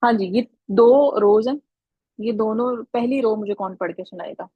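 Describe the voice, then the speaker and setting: A woman's voice: a little high, normal speed, slightly rough, no echo, narrow, tinny audio. A woman teaching an Arabic grammar lesson online over a video call, patiently calling on students by name.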